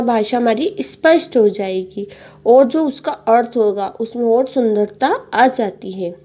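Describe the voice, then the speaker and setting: A woman's voice: fairly high pitch, highs cut off. A woman teacher giving a grammar lesson to children, explaining each point and then repeating it in simpler words. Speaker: school teacher.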